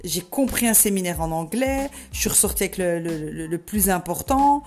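A woman's voice: fairly low pitch, animated, normal speed, a little mellow, lightly acted. A woman voicing an eager female learner who thinks aloud with hesitations, with faint music behind.

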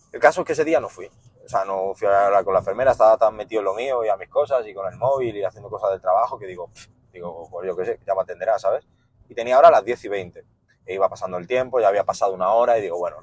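A man's voice: low-pitched, breathy edge, no echo. A man telling stories in a casual monologue, blunt and profane, acting out the people in them. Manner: blunt, profane, animated storytelling. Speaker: podcast host.

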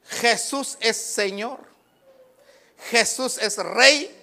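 A male pastor preaching a fervent sermon, swinging between shouts and low asides. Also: drawn-out words.

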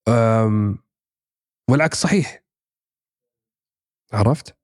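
Slow and on the low side, with a darkish tone, this Saudi actor and writer chats casually as a podcast guest. He works through his thoughts aloud with many fillers and restarts. There's no room sound in the studio-quality recording.

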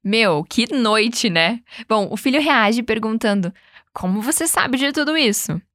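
A Brazilian woman with a fairly high voice leads a podcast English lesson in an upbeat, coaching way. She says each English word slowly and then asks the listener to repeat it. The recording is close and dry. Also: lively intonation, a bit bright, dry recording. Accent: Brazilian Portuguese. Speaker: English teacher and podcast host. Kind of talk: podcast language lesson with repeat-after-me drills.

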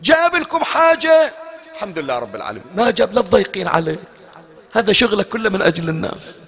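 A man's voice: high voice, sing-song, rapid-fire, gravelly, fairly bright tone. A man delivering an emotional mourning sermon as a preacher, slipping into chanted lament.

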